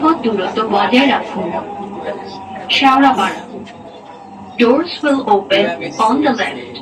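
A woman giving slow, formal prerecorded station announcements over a metro train's PA loudspeaker. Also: a little high, lively intonation, crowd noise. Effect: heard over a train PA loudspeaker. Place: inside a moving metro train carriage. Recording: echoey, distant, loud train noise.

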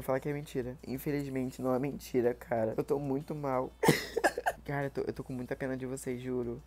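A young man, chatting excitably through a prank vlog into a phone held close, often on the edge of laughing. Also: mid-range voice. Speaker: YouTuber. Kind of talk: casual prank vlog narration.

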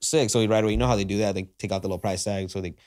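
Lively young man telling stories. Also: fairly low pitch, very fast. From Southern California. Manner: animated, acts out quoted dialogue. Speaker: guest, skateboarder. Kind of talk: casual storytelling. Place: cluttered garage studio, indoors. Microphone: podcast mic on boom arm.

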